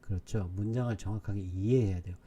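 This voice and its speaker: A man's voice: fairly low pitch, steady tone, quick pace, dark tone, husky. A male teacher giving an online exam-prep English lecture, repeatedly asking his students questions and answering them himself. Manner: repetitive, drilling questions to students.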